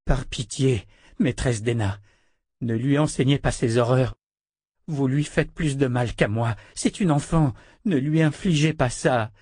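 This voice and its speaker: A man's voice: mid-range voice, unhurried, darkish tone, no echo, studio quality, lightly acted. A man voicing a proud, tormented male prisoner. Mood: pleading.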